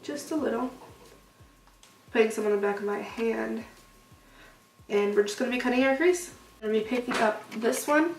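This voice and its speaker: A young woman beauty vlogger with a cold sounds sniffly and stuffed-up as she talks through a makeup tutorial in a loose, chatty way full of fillers. Her slightly high voice moves at a moderate pace with long pauses and is recorded from some distance off the mic in a roomy space, with a faint hiss behind it.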